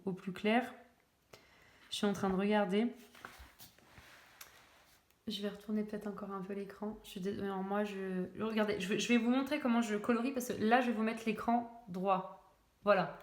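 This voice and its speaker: Young woman, casual coloring vlog chat, mid pitch, hesitant and self-mocking, echoey home room. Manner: hesitant, many fillers, self-mocking jokes. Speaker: coloring video creator.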